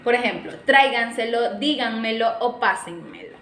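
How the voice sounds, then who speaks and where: A woman's voice: fairly high pitch, normal speed, creaky, a bit bright. Young woman student explaining stuff to the class, keeps checking in with "right?", roomy echo and a bit of hiss. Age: young adult. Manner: explains, often adds a checking "¿sí?". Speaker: student presenter. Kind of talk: class presentation.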